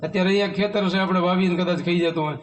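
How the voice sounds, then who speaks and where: A man's voice: high voice, steady tone, rapid-fire, a little hiss or hum. A man, a spiritual teacher giving a devotional sermon at a devotee's village home, asking rhetorical questions and reciting hymn verses. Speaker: spiritual teacher leading a satsang. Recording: voice from far off the mic.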